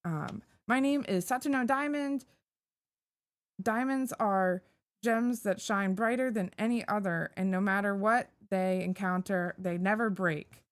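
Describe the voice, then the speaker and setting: A woman's voice: medium pitch, unhurried, natural voice. A woman voicing an earnest, determined young female racer, reading skit lines aloud as if rehearsing.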